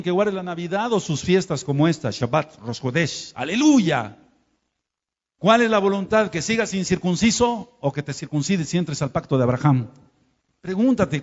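A Mexican Spanish-accented man preaches with emphatic rhetorical questions, dropping quiet and then surging loud. His voice sits fairly high. The recording is dull and lo-fi, with a long reverb from a large hall. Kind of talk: sermon.

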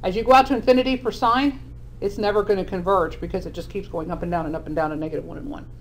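A woman's voice: on the low side, steady tone, racing, slight background noise. A woman math teacher giving a classroom lecture, explaining step by step and often checking in with the class.

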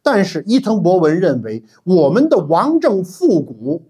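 Animated husky-voiced male history lecturer. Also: sits high, measured pace. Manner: animated, emphatic, with frequent 'ah' fillers and restarts. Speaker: history teacher. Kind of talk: classroom-style history lecture.

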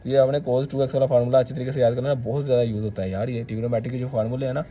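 A man's voice: mid-range voice, steady tone, rapid-fire, highs cut off, a little hiss or hum. A male maths teacher, talking students through each step of a solution and checking in with "theek hai".

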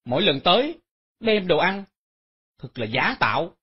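A woman voicing hypocritical grown children who sneer and wail, with a husky tone. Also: on the low side, big pitch swings, measured pace, heavily acted. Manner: wailing, sneering. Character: hypocritical children wailing loudly over mother. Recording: dull lo-fi recording.

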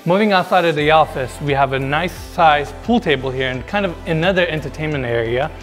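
Wearing a lapel mic, a man in his thirties gives a casual home tour of a large basement, talking straight to viewers with an enthusiastic, chatty manner. His voice is fairly high and fairly quick, and faint music plays in the background.

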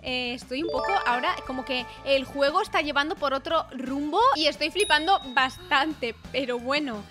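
Young gamer girl, high bright voice, yelps and gasps at the game. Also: normal speed, faint music behind. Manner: excitable, exclaims and reacts loudly to the game. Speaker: gaming YouTuber. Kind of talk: lively gameplay commentary.

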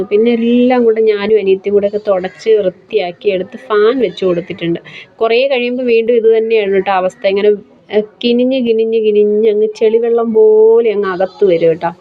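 A young cooking vlogger from Kerala, India, tells about her day from her home kitchen in a relaxed, homely voice-over peppered with tag questions. Her mid-range voice is hoarse from a blocked throat and a little fast, the highs are cut off, and rain can be heard.

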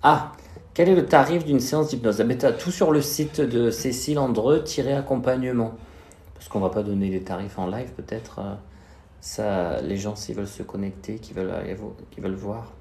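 A man's voice: medium pitch, moderate pace, darkish tone. A young man with a slushy lisp on his s, chatting casually as a live-stream host and reading out viewers' questions. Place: small indoor room. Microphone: phone at arm's length. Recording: echoey room sound.

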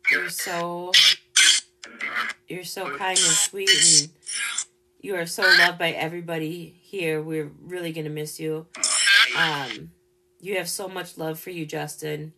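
A woman hosting a paranormal live stream in casual chat, gentle and openly emotional as she speaks to spirits directly. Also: sits low, steady tone, a little slow, heavy background noise.

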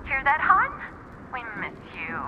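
A woman playing a mother who leaves a soft, tender voicemail for her husband, heard as answering machine playback. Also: high-pitched, wildly swooping pitch, measured pace, muffled recording, noisy background, exaggerated voice.

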